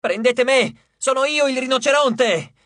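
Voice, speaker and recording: Male narrator voicing a clumsy, brave teen demigod boy; urgent, shouting, slightly high voice, dry booth sound. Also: animated, normal speed, dry recording.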